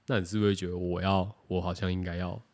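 A man's voice: sits low, fast talker. Rambling man. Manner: rambling, animated, self-correcting. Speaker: podcast co-host. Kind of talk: casual chat.

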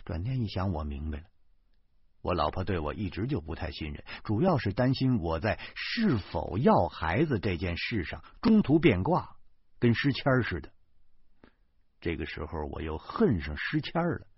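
A man reading a first-person story aloud with a wry, grumbling and expressive delivery. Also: sits low, slightly rough, no echo. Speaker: audiobook narrator. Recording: dull, dry.

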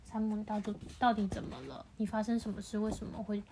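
A woman voicing a calm, wise male house cat in a storybook, speaking gently and soothingly. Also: medium pitch, fast talker, background noise, close to an everyday voice. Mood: concerned.

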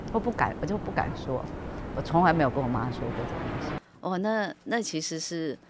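Low-voiced woman telling a heartfelt story. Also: a little hiss or hum. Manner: emotional storytelling. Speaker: guest, professional dancer. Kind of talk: casual chat.

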